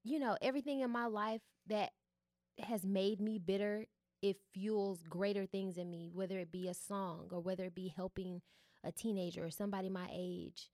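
A woman's voice: medium pitch, normal speed, dry recording. A young woman, chatting candidly as a guest in a studio interview, full of fillers. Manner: relaxed and candid, many fillers. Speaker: guest, artist and founder. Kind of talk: casual interview chat.

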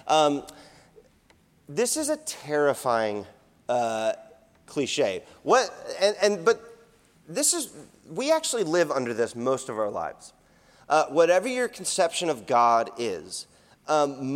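Male chaplain, thirties, relaxed chapel sermon, lots of ums and restarts, slightly high voice, reverberant hall. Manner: conversational, many fillers and restarts. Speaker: school chaplain. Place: school chapel.

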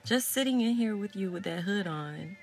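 A woman's voice: medium pitch, normal speed, slightly rough. A woman hosting a podcast, chatting casually and animatedly, with features in her speech. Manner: animated, bursts into loud laughter. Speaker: podcast host. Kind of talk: casual chat.

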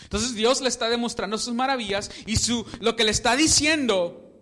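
A man preaching a sermon in a relaxed storytelling way, sometimes stopping to search aloud for a word. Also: very high-pitched, normal speed, in a large hall.

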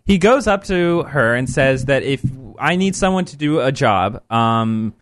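Brief: male host, animated rambling movie chatter, mid pitch. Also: a little slow. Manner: lively, rambling, self-correcting. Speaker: podcast host. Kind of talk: casual film review chat.

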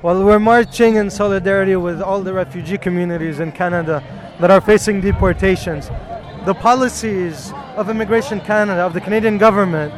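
High-voiced man, protest organizer outdoors. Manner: earnest, fluent. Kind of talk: street interview. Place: outdoors at a street march.

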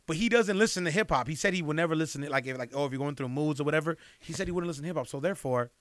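A man's voice: on the high side, racing, a bit bright, no echo. A man co-hosting a podcast in casual chat, slangy and swearing, laughing often. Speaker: podcast co-host.

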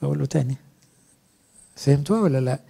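Speaking fast in a creaky, dark voice of fairly high pitch, a middle-aged man with an Egyptian Arabic accent gives a sermon as a priest. He is earnest and puts rhetorical questions to his listeners.

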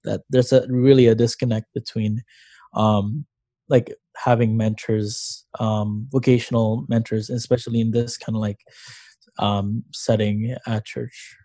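A man's voice: lowish voice, flat delivery, unhurried, dark tone, no room sound. A man from Canada co-hosting a casual chat, reflective and hesitant with many fillers. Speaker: podcast co-host.

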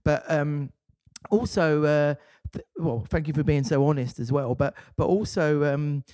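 A man's voice: a little high, measured pace, warm tone, no echo. A man co-hosting a casual podcast, rambling and restarting his sentences. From England. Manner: rambling, self-interrupting, swears casually. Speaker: podcast co-host.

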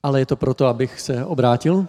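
A man interprets a sermon phrase by phrase, hesitating often and correcting himself. His voice is mellow and warm. A long hall reverb trails his words. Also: mid-range voice, a little fast. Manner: hesitant, with frequent fillers and self-corrections.

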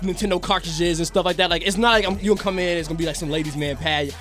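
A man's voice: high voice, steady tone, very fast, a bit bright, soft background music. A man chatting casually, laid back, often chiming in with short agreements. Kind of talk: casual chat.

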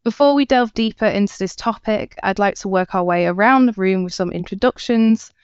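A woman's voice: medium pitch, brisk, clean tone, dry recording. Lady podcast host, friendly, muffled dry audio. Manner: friendly and scripted in intros. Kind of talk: hosting a podcast.

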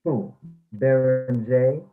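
In a readers theatre play reading, a man voices a formal, defensive former English instructor, speaking slowly in a medium-pitched, natural voice. Soft music plays underneath, and the sound is thin and phone-like.

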